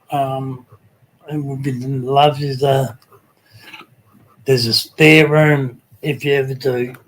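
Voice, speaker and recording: A man with a Tasmanian Australian accent, chatting casually as a livestream host. His delivery is unhurried and fairly flat in pitch. He sounds laid-back and colloquial, often pausing on an um as he gathers the next phrase. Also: slight background noise, poor audio. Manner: laid-back, colloquial, hesitant with frequent ums. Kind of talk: casual live chat, greeting viewers.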